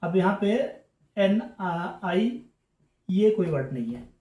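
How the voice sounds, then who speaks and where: A man gives a classroom-style lesson in a mellow, warm voice. He explains each point patiently, repeats key words and keeps checking in with his listeners. The sound bounces around an echoey room. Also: high-pitched, expressive, takes it slowly. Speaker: English teacher.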